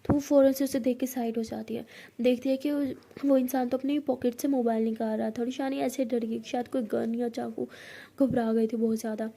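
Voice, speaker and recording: A woman's voice: a little high, brisk, creaky. A woman casually retelling a love story as a narrator, with lots of filler words. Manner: lively, retelling with many fillers.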